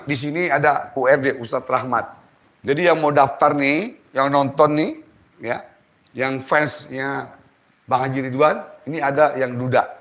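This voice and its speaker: A middle-aged man preaching on a live stream, his voice sitting a little high for a man. He swings widely up and down in pitch as he speaks. He repeats phrases emphatically to drive each point home. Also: fairly bright tone. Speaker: spiritual teacher and healer.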